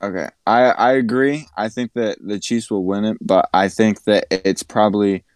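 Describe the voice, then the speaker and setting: Man, sports podcast, very deep smooth voice, hesitant, hedging, casual. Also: fairly even intonation, normal speed, no echo, clean studio sound. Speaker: podcast co-host.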